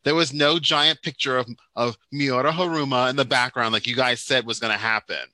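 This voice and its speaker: A man co-hosting a casual chat, rambling and animated, full of restarts and asides. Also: mid-range voice, brisk, no room sound. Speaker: podcast co-host. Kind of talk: casual chat about Japanese pop music.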